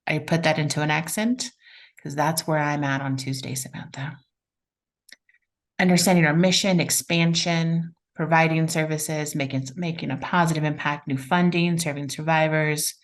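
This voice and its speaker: A woman's voice: low voice, moderate pace. A woman hosting a live webinar, enthusiastically reading out chat responses. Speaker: webinar facilitator.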